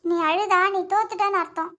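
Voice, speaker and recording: A cartoon inner conscience that probes and scolds, as a woman puts it on. The voice is extremely high and thin. It questions every choice in a reproachful tone. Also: steady tone, a little fast, a bit bright, muffled recording. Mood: probing.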